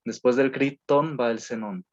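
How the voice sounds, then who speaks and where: A male teacher giving an online class, dictating notes slowly with many fillers and repeated phrases. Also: medium pitch. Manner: slow dictation with frequent fillers and repetitions. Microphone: video call. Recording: dull lo-fi online call audio.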